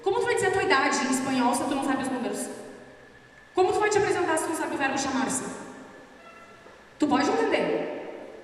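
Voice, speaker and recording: A woman giving a lively, informal workshop talk as a Spanish teacher, chatting with the audience. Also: high-pitched, brisk, long pauses, slight background noise. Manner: animated, informal, addresses audience as "meus amores". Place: large hall, recorded from a distance. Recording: echoey hall, distant mic.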